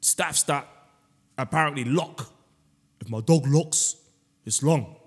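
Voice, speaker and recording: Man, teasing podcast host, husky voice, long room echo. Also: fairly high pitch, slow. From Senegal. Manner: playful, teasing, animated storytelling. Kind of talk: casual comedic chat. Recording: roomy long reverb.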